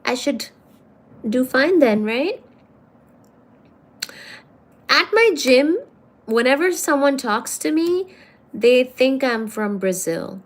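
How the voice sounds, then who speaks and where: With a high voice and lively intonation, this livestream host speaks slowly and leaves long pauses. She reads out viewer comments in a casual, teasing way, addressing viewers as darling.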